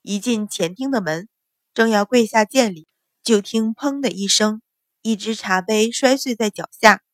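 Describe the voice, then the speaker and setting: A woman narrating a story in a steady, even reading voice, acting out the dialogue of its characters. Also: mid-range voice, moderate pace, no echo, clean studio sound.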